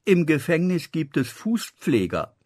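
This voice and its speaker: A man's voice: on the high side, big pitch swings, a little slow, a little mellow, husky, dry recording, studio quality, pitched above the performer's own voice, heavily acted. A man voicing a nosy, paunchy male innkeeper who teases and pries in an audiobook. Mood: grumbling. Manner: teasing, mock-indignant.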